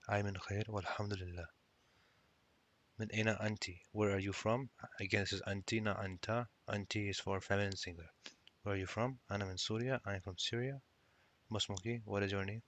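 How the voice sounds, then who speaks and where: A man's voice: on the low side, a bit bright. A man teaching a textbook Arabic lesson who reads each Arabic line, translates it, and explains the grammar patiently, often restarting his words. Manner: reads Arabic lines then translates them, with frequent restarts.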